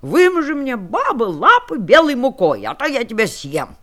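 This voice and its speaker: A woman voicing a big, menacing gray male wolf in a read-aloud fairy tale, singing in a slow, drawn-out, loud way. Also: fairly high pitch, very animated. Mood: threatening.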